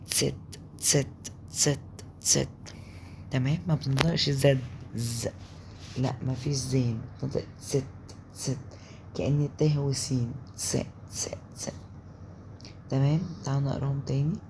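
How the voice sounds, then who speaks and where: A woman with an Egyptian Arabic accent teaching German, slowly repeating each sound for learners. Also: a bass voice, steady tone, vocal fry, darkish tone, a little hiss or hum. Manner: slow repetitive letter drilling. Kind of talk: spoken language lesson.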